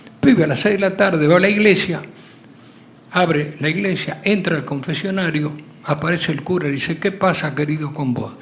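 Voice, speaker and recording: A man with an Argentine accent telling crude jokes in an animated storytelling way, acting out the characters. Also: a little high, normal speed, slight background noise. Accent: Argentine Spanish. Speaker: joke teller.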